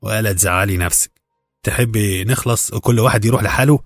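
A man's voice: on the low side, fast, no room sound, soft background music. A man playing a stingy, sarcastic Egyptian husband. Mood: cold sarcastic. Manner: calm, dismissive, sarcastic. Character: stingy, cold middle-aged Egyptian husband.

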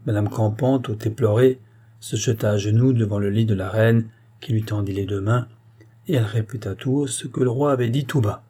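A male audiobook narrator reading a classic novel with measured, steady pacing. His voice is dark and mellow, with a husky edge. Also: lowish voice.

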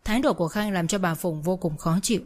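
Woman story narrator, lowish voice, steady plain read. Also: quick pace.

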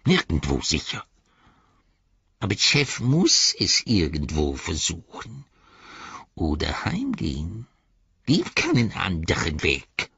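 A man's voice: sits low, huge pitch swings, slow, long pauses, sharp tone, dry recording, dull audio, exaggerated voice. A man voicing the wretched creature Gollum in an audiobook, sly and cringing, speaking of himself in the third person. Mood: sulky. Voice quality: hissing, gravelly whisper. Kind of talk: audiobook character voice.

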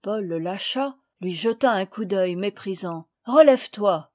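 A woman reading a children's novel aloud, with clear, expressive narration. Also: mid-range voice, unhurried. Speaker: audiobook reader. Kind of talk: storybook reading.

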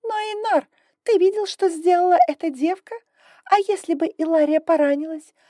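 A hot-tempered dragon mother cries out in a high, shrill, exclaiming voice, as a woman reading the book puts her on. She is loud and indignant, doting and quick to hiss. The sound is dry and close. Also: no room sound. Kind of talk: audiobook character voicing.

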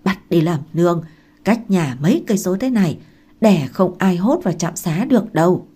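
A woman reading aloud and voicing a blunt, gruff old village woman who scolds loudly and talks coarsely. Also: on the low side, animated, normal speed. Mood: scolding.

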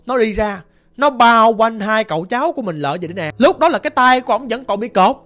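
A ghost story narrator with a Southern Vietnamese accent, telling the tale in a lively, colloquial and dramatic way. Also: mid-range voice, fairly quick. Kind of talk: oral storytelling.

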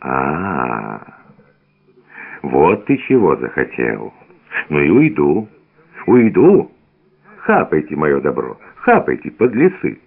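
A man reading a furious, hoarse rich peasant who shouts at the villagers, in a tinny radio recording. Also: mid-range voice, huge pitch swings, slow, long pauses, pitched above the performer's own voice, heavily acted. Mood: raging.

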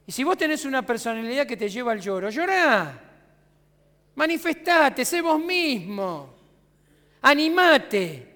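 High-voiced Argentine pastor preaching. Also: male voice, big pitch swings, unhurried, pushed and bright, big-room sound. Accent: Rioplatense Spanish. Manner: conversational preaching with rhetorical questions and acted quotes. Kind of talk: sermon. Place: church sanctuary.

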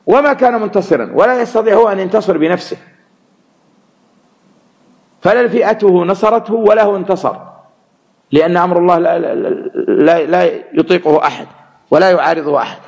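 A man teaching Quran commentary, measured and repeating words to stress them. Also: sits high, animated. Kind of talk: religious lesson explaining verses.

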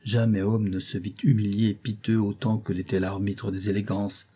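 A man narrating a novel as an audiobook in a measured, expressive manner. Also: lowish voice, husky. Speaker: audiobook reader.

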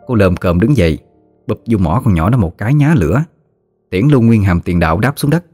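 Man, Southern Vietnamese accent, folksy story narration, slangy and teasing, lowish voice, faint music behind. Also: animated, a little fast, a little mellow, breathy edge, no echo, studio quality.

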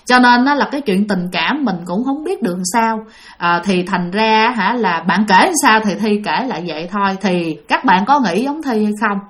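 A woman's voice: mid-range voice, animated, moderate pace. A woman telling a ghost story in a casual, chatty way and addressing listeners directly.

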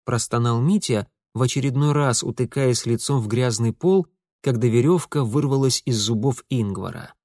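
A man giving a steady, measured narration of an audiobook. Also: mid-range voice, no echo, clean studio sound. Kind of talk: scripted narration.

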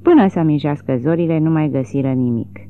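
An audiobook reader narrating a literary novel in an expressive, dramatic way, recorded with a tinny, narrow sound. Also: mid-range voice.

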